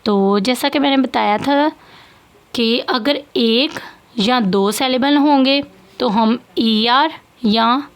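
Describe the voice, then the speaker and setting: A woman teaching English grammar to students, explaining patiently and repeating key points. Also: on the high side. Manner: patient, repeats points, checks in with "theek hai". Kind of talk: slow classroom explanation of grammar.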